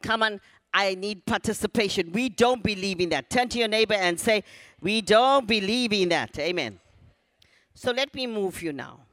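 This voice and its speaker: Male preacher, very high and bright voice, dry close sound; emphatic and leads call-and-response. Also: expressive, moderate pace, dry recording. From Zimbabwe. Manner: emphatic, calls on the congregation to repeat lines. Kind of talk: sermon.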